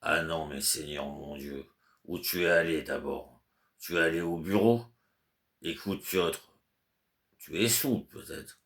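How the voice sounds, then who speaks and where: A man's voice: extremely low pitch, a little slow, pauses often, a bit bright, heavily acted. A man voicing a frantic, fussy middle-aged clerk who scolds and then coaxes his servant. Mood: pleading. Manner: agitated, scolding then coaxing.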